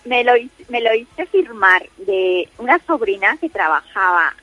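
A talkative listener caller, middle-aged and Colombian-born with a Spain Spanish accent, chats unhurriedly with many fillers and restarts. Her slightly high voice swings widely in pitch, heard dry over a dull lo-fi phone line.

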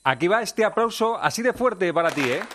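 A man from Spain hosts a radio show, rattling along at a very quick clip with a slightly raised pitch. He sounds chatty and enthusiastic, and the studio sound is dry and close. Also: animated, a bit bright, no echo. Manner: chatty, enthusiastic, fast-talking. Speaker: radio host. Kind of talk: upbeat radio interview.

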